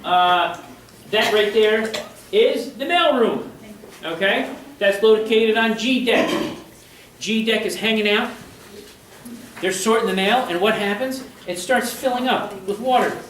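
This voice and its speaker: A man's voice: sits high, measured pace, fairly bright tone, slight background noise. A man giving a live history presentation to an audience, chatty and constantly checking in with his listeners. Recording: echoey room, voice from far off.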